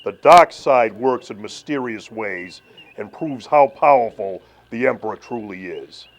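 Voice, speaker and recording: A man playing a cold, arrogant male dark lord in armor, speaking in slow, threatening pronouncements in a talk-show skit. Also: fairly low pitch, animated. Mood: cold arrogance.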